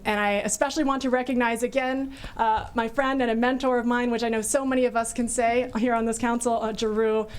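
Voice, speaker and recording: A woman's voice: medium pitch, smooth. A woman council member giving grateful public remarks at a council session, with many fillers.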